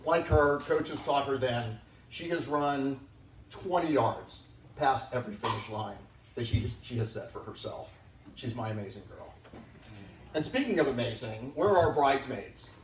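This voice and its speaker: A man's voice: mid-range voice, animated. Middle-aged man's echoey father-of-the-bride speech. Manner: sincere, affectionate delivery with deliberate pauses for the guests. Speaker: father of the bride giving a toast. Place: large room at a wedding reception, guests present. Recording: echoey, noisy room, distant microphone.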